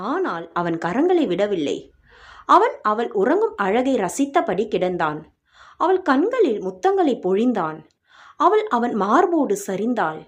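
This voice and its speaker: A woman narrating an audio story in an expressive, dramatic reading style. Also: on the high side.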